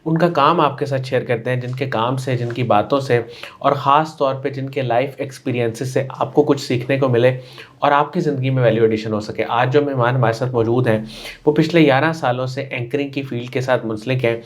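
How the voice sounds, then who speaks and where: A man's voice: mid-range voice, fairly even intonation. A man hosting an interview show, introducing his guest and asking polite, formal questions. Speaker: interview host.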